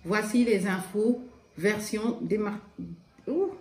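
Speaking with a measured pace and medium pitch, a vlogger from Senegal opens a gift swap parcel and chats excitably to her audience, exclaiming and mixing in English phrases. A slight lisp comes from her dental appliance. There's faint noise and a roomy echo.

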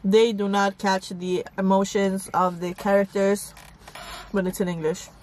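A woman's voice: mid-range voice, level tone, measured pace, darkish tone. A woman hosting a mukbang food vlog, chatting casually with her audience while eating and sometimes stopping to search for a word. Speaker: mukbang channel host.

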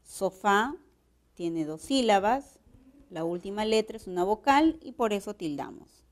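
Peruvian woman teacher, slow and deliberate, explains step by step with quick check-ins. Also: medium pitch, lively intonation. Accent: Peruvian Spanish. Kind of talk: grammar lesson.

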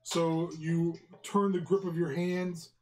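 A man's voice: a little high, flat delivery, slow, a little mellow. A man running a tabletop roleplaying game as dungeon master, telling the action in vivid descriptive detail among friends. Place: small room around a crowded table.

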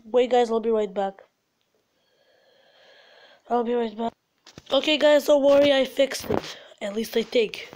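A woman's voice: a little high, steady tone, measured pace, pauses often. A woman who is sick, commentating her phone game and swearing at it as the game glitches, recorded on the phone's own mic. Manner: frustrated, swearing, yelling at the game. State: sick, congested. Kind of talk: mobile gameplay commentary. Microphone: phone's built-in mic.

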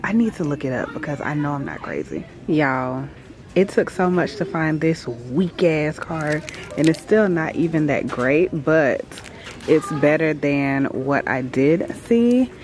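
A woman's voice: deep voice, animated, measured pace, a little mellow, low-quality recording. A woman in her thirties from Georgia, chatting casually and slangily to her viewers while running errands. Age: 30s. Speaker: vlogger. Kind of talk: casual vlog chat. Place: out and about on errands, car and stores.

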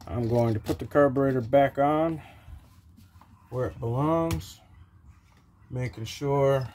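At a home workshop bench open to the outdoors, a middle-aged small-engine repair host walks through a repair in a slow, mellow, relaxed, medium-pitched voice. He explains each step plainly and practically, dropping a casual "okay" now and then. The camera over the bench captures him up close, with slight background noise.

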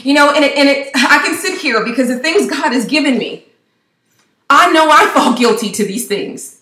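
Woman, high bright voice, fervent devotional vlog preaching, echoey room. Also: lively intonation, normal speed. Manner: fervent, preachy, rhetorical questions. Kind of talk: impassioned devotional talk to camera.

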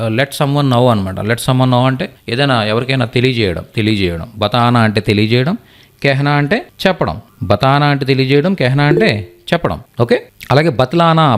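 A man leads an online class over a computer mic, patient and methodical. He says each word, then repeats it along with its meaning, steadily and clearly, in a voice of middling pitch. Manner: repeats each word slowly, translating back and forth. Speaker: Hindi teacher.

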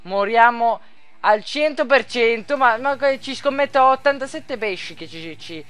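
A man giving casual gameplay commentary, rambling and joking, making rhymes and breaking into sudden excited yells. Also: extremely high pitch, measured pace, smooth, soft background music. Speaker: gaming video host.

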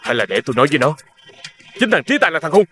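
An actor playing a hot-headed male gangster in a shouting, abrasive quarrel. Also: a little high, sing-song, racing, soft background music. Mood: heated. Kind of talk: crime drama acting.

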